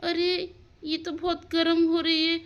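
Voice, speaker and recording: A woman's voice: on the high side, level tone, unhurried, sharp tone, smooth, highs cut off. A woman voicing a caring village mother in a doll story, soothing and given to worried exclamations. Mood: alarmed. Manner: soothing, fussing, exclaims often.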